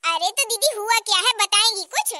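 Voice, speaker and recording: A woman's voice: very high voice, expressive, moderate pace, no room sound, studio quality, exaggerated voice. A woman voicing a curious, teasing village neighbor in a cartoon, prodding her friend for gossip. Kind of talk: cartoon voice acting. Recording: loud children's background music.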